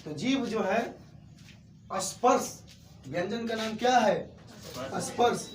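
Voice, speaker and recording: Man, Bihari accent, classroom teacher, quizzing pupils, high voice, echoey room far from mic. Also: normal speed, a little hiss or hum. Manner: asks the class questions and answers them himself. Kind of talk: classroom grammar lesson.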